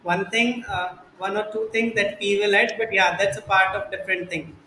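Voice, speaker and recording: A man's voice: high-pitched, steady tone, moderate pace, pushed and bright. A man with an Indian accent giving instructions and feedback as an English teacher, often repeating himself. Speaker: teacher of a spoken English class. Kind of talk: online class instruction and feedback. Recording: echoey room with faint noise.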